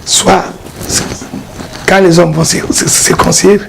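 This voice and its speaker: An art dealer and collector with a high, gravelly voice and little pitch movement speaks haltingly in an exhibition hall holding his collection. In this casual explanatory interview he repeats words as he explains, and a noisy hiss sits in the background.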